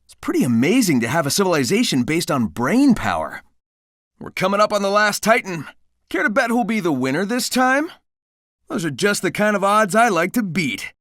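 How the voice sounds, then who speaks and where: Sonic, a lively youthful hedgehog hero. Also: male voice, sits high, moderate pace, dry recording, studio quality. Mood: breezy, confident. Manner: breezy, casual, confident. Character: cocky, upbeat, caring young male cartoon hedgehog hero. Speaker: video game voice actor. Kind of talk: video game character dialogue.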